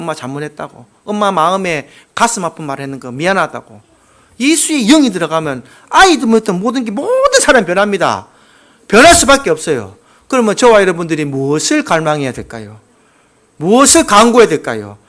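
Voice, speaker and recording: A male pastor with a Gyeongsang accent delivers a sermon in a high, bright register. His pitch swings widely between emphatic peaks and sudden quiet asides. His delivery is folksy and full of anecdotes. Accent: Gyeongsang Korean.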